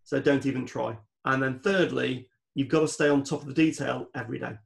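On a podcast, a guest expert in managing home renovation projects lays out his points in a methodical, instructive way. He talks briskly in a mid-range, creaky voice.

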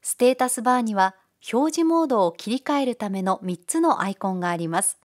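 A woman's voice: fairly high pitch, brisk. Polite woman narrating a screencast. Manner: calm, polite step-by-step instruction. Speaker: software tutorial narrator.

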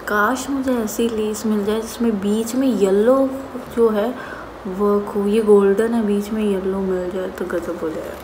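Young woman vlogger, unhurried musing delivery, noisy home background. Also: medium pitch, echoey room. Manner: musing aloud while measuring fabric, soft and unhurried. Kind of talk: casual vlog talk to camera.

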